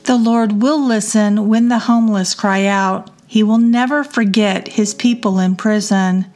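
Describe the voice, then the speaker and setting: A woman reading psalms aloud in a measured devotional reading. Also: medium pitch, fairly even intonation, darkish tone. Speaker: scripture reader.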